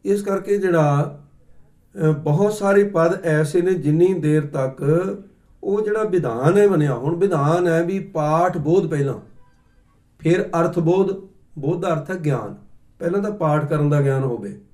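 A middle-aged man giving a sermon, telling stories and explaining recitation slowly. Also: fairly high pitch, a little mellow. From Punjab. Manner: storytelling, acts out quoted voices, slow deliberate explanations. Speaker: Sikh preacher. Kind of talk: katha sermon with anecdotes.

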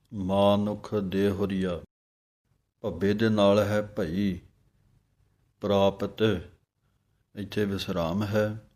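Slow, low-voiced man teaching recitation. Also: darkish tone. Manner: slow measured chanting of verses, then quick plain explanations. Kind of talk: teaching correct pronunciation of hymns.

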